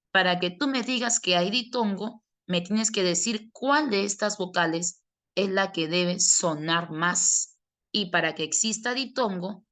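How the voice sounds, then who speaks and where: A middle-aged woman, teaching a grammar lesson to students preparing for exams. Her voice sits a little low. She explains step by step and often answers her own questions in a student's voice. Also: a bit bright. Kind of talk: online class lecture.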